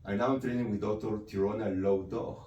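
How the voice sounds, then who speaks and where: A Peruvian psychiatrist answers interview questions in a low, mellow male voice, keeping a steady tone and a slightly quick pace. He explains things, often adding "right?" and "you know." The recording comes from a distant mic in an echoey room with faint noise.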